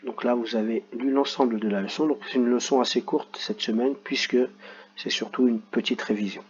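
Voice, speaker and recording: A man's voice: mid-range voice, steady tone, normal speed, highs cut off. A man teaching children a reading lesson, patiently spelling out sounds and letters.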